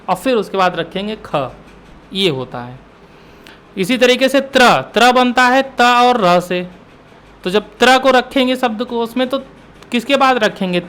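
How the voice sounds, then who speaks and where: Young male exam tutor, high crisp voice, quizzes the class and answers himself, repeats terms. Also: fairly bright tone. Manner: asks questions then answers them himself; repeats key terms for drilling. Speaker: Hindi exam teacher. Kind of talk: exam-prep lesson.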